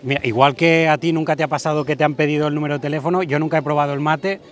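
A young man from Barcelona approaching strangers in a park with polite, smooth, cheesy pickup lines. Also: on the high side, steady tone, racing.

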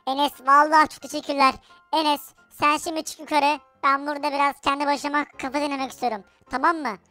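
A man's voice: extremely high pitch, level tone, brisk, pushed and bright, faint music behind, voice pushed up. A man voicing a tiny, scared baby crewmate in a Minecraft role-play, pleading and repeating the listener's name often. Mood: gentle.

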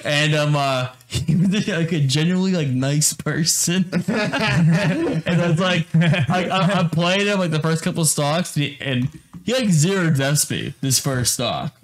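A man's voice: on the high side, a little slow. A young man co-hosting a casual podcast, telling a story and acting out quotes with lots of repeated words. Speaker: podcast co-host.

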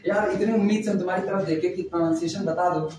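High-voiced man lecturing in an echoey room. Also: steady tone, fast talker, darkish tone, a little hiss or hum. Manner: chatty, repeats phrases while dictating. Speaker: math teacher. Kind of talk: classroom lecture. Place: classroom. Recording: echoey room, mic far off.

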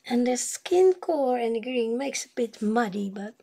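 A woman chatting casually on a drawing livestream in unhurried, trailing murmurs, with a pencil scratching on paper. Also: fairly high pitch, animated, mellow. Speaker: colouring livestream host. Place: indoors at a drawing desk. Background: pencil scratching on rough paper.

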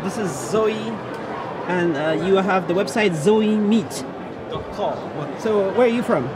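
A man's voice: sits high, measured pace. A man hosting a casual trade-show interview from behind the camera, firing eager follow-up questions. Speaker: video interviewer and show host. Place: busy indoor trade-show hall. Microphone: camera mic, speaking from behind the camera. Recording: loud expo crowd and hall noise. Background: loud crowd chatter and hall noise.

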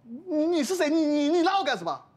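尖声吵闹的男顾客. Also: male voice, very high voice, sing-song, fast. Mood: angry. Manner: indignant, shouting and stammering. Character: loud petty male shop customer, quarrelsome. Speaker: customer. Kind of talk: television drama acting.

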